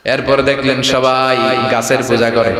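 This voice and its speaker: A man's voice: mid-range voice, little pitch movement, unhurried. A man preaching a sermon with many questions to the crowd and stretches of chanted recitation. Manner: call-and-response questions, chanted Quranic recitation. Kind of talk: Bengali waz sermon. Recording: echoey PA sound from a large venue, crowd behind.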